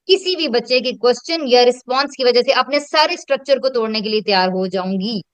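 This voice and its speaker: A woman's voice: on the high side, fairly quick, clear, resonant tone, no echo. A woman, explaining her teaching in a reflective, conversational way and mixing in English terms. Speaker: educator and host. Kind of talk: casual conversational teaching talk.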